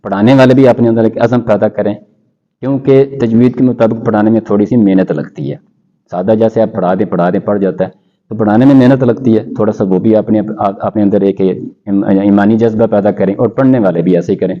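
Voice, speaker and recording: A man who teaches Quran recitation, answering interview questions in a measured way and quoting scholars in Arabic. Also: lowish voice, fairly even intonation, mellow, muffled recording.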